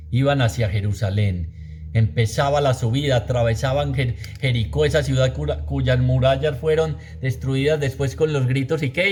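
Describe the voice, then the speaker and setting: Man preaching with emphatic repetition. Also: medium pitch. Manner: emphatic, repeats phrases, rhetorical questions to the audience. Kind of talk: sermon.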